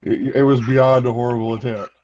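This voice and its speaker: A man's voice: medium pitch, little pitch movement, fairly quick, a little mellow. Male guest, teasing and jokey, muffled lo-fi call sound. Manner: teasing, joking, stammering starts. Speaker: guest on a live stream. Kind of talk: casual chat. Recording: dull lo-fi call audio.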